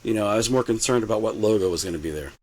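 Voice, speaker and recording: A man's voice: lowish voice, very fast, a little mellow, rough recording. An older man chatting as a podcast guest, rambling with lots of fillers and restarts. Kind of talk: casual chat. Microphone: home mic set low.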